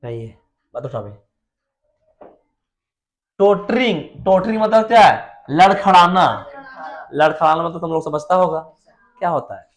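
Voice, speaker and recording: A man's voice: fairly high pitch, animated, measured pace, long pauses. A man teaching English vocabulary to a class, explaining words with everyday examples and putting questions to his students.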